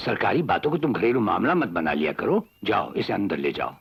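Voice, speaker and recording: An actor playing a stern, brusque senior police officer in a 1980s Hindi film. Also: male voice, on the low side, big pitch swings, a little fast, vocal fry, slight background noise. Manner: brusque, authoritative.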